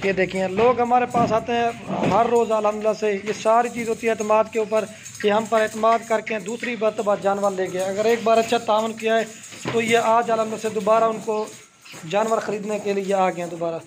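A man's voice: high voice, little pitch movement, over music. A middle-aged man with a Punjabi Pakistani accent who hosts a casual goat farm sales video, talking in a chatty, repetitive, promotional way. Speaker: goat farm owner and host. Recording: loud farm noise behind.

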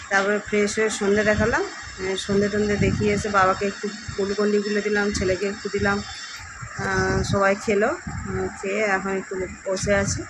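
A woman's voice: mid-range voice, noisy background. A woman from India in casual daily vlog chat, tired from the heat, giving a running commentary on her chores at home. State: hot and tired. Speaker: vlogger. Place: home kitchen and rooms.

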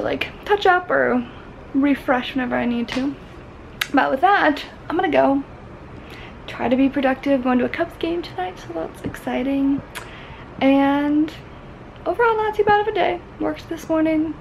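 A woman's voice: high voice, creaky, a little hiss or hum, rough recording. A young woman rambling through a casual vlog unboxing, chatty and full of "like". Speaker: beauty vlogger.

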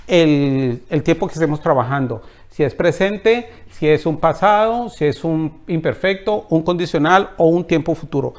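A man teaching a Spanish grammar lesson, calmly explaining and slowly reciting verb forms one by one, with frequent pauses and fillers. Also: fairly high pitch. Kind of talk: slide-based grammar lesson.

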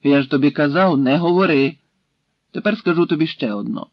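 A man's voice: on the high side, lively intonation, fairly quick, dry recording. A man voicing a stern Cossack leader who questions and threatens a captive in a commanding way, in a dry, slightly dull recording.

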